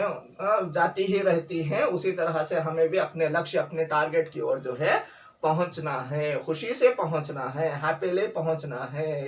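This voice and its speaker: A man with a slightly high voice teaches a school grammar lesson at an unhurried pace. He repeats each word, poses questions and answers them himself, dropping English terms in. The recording is roomy and he sits a little back from the microphone. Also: recorded from a distance, a little hiss or hum. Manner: repeats words, mixes in English terms, asks and answers his own questions. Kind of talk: slow explanatory Hindi grammar lesson. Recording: roomy echo, voice off-mic.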